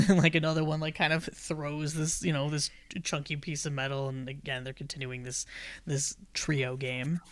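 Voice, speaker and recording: A man's voice: a little high, little pitch movement, normal speed. A man narrating as game master of a tabletop game, rambling with many ums and likes.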